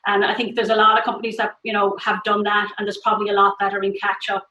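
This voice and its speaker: A woman's voice: mid-range voice, level tone, fast talker, sharp tone, echoey room, muffled recording. A woman giving explanatory, conversational interview answers over a video call. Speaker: tech industry interviewee.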